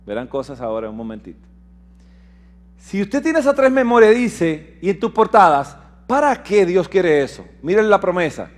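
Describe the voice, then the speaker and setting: A man preaching a sermon, reading scripture aloud and putting questions to his congregation, swinging between loud declaiming and soft low asides. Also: very animated, moderate pace.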